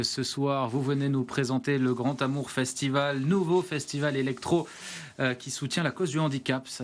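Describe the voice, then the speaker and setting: Man, TV presenter, studio set, hesitant with fillers, medium pitch. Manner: hesitant, many "euh" fillers. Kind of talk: studio talk show hosting.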